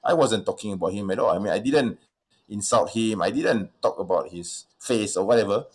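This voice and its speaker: A man with a fairly low voice hosts a casual livestream question session. He talks at length, stopping and restarting his sentences with many fillers. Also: fairly quick, husky. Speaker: livestream host.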